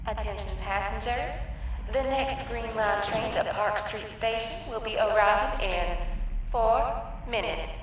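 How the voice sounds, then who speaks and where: Brief: polite transit announcer machine over a distant PA loudspeaker, mid pitch, game. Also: female voice, a little slow, pauses often, heavy background noise. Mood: announcing. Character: female station announcer machine, smooth and courteous. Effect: public address loudspeaker announcement. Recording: echoey, distant station loudspeaker.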